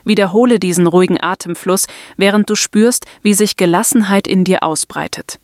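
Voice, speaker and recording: A woman narrating a scripted guided meditation and affirmations in a soft, soothing, deliberate manner. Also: medium pitch, no room sound, studio quality.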